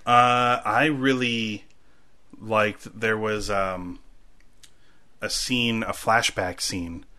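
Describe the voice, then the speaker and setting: A man co-hosting a casual chat, rambling and acting out quotes in sudden loud bursts. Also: fairly low pitch, steady tone, very slow. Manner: rambling, acts out quotes loudly.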